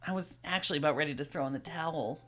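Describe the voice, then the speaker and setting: A woman's voice: low voice, very fast, pitched below the performer's own voice. A woman reading out a video game's timid young man who is too weak to lift a barrel and is training to get stronger. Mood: bashful. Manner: breathless, bashful, then bubbly and grateful. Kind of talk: reading video game dialogue aloud.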